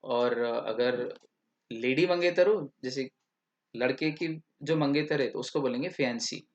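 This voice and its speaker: A man's voice: mid-range voice, measured pace, highs cut off. Man teaching English grammar. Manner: explanatory, switching between Hindi and English mid-sentence. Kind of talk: recorded lecture.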